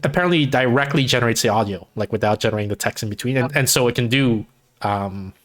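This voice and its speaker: A male streamer chatting casually with a co-host. He rambles, restarts his sentences and leans on fillers. His pitch sits in the middle range. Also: fast, a bit bright. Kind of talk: casual chat.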